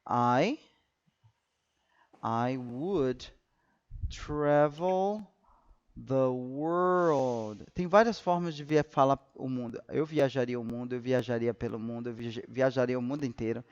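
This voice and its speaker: A man's voice: medium pitch, slow, clean tone, highs cut off. A man teaching English in a live class, patiently repeating example sentences.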